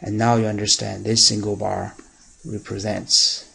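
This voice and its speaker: Raspy gravelly guy teaching chem, lowish voice, slow careful explaining w lots of uh's. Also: flat delivery, bright, forceful tone, rough recording. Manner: patient step-by-step explaining with frequent pauses and fillers; stresses key words. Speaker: chemistry teacher. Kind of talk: recorded lecture.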